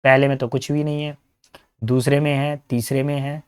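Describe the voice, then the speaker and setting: Brief: male exam-prep teacher, mid-pitched, lively and coaxing with students. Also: normal speed, smooth. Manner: lively, coaxing, calls students beta and bhaiya. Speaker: English teacher.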